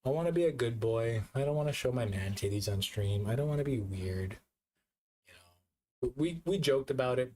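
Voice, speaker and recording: A man's voice: mid-range voice, warm tone. A drunk man streaming live, rambling and repeating himself as he chats casually with his viewers.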